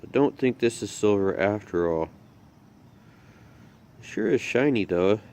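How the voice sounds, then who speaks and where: A man's voice: fairly low pitch, lively intonation, measured pace, a little mellow. A man vlogging his metal detecting finds, chatting casually and thinking aloud as he digs outdoors in a muddy field. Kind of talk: casual outdoor narration while digging.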